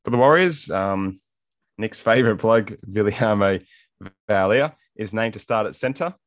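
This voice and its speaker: Low-voiced Australian man talking sport. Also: a little slow, no echo, clean studio sound. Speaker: fantasy rugby league panellist. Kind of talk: casual sports analysis.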